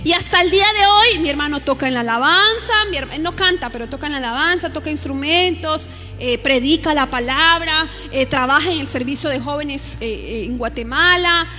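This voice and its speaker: A woman pastor delivers an impassioned sermon in a very high voice with a bright, forceful edge. She drives her points home with repeated rhetorical questions. Soft music plays faintly behind her. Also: fairly quick.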